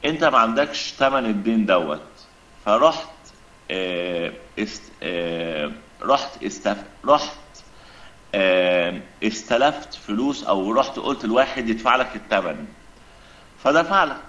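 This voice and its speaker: A man's voice: lowish voice, lively intonation, moderate pace, fairly bright tone, echoey room, dull audio. A man with an Egyptian accent, arguing his point insistently in a religious debate and explaining it with everyday examples. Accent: Egyptian Arabic.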